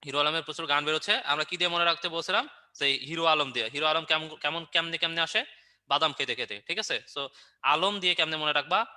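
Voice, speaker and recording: A man runs an online review class, firing quick questions at his students and answering them himself with jokey memory tricks. His voice sits fairly high and sounds very bright and sharp. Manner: playful and joking. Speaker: online biology teacher.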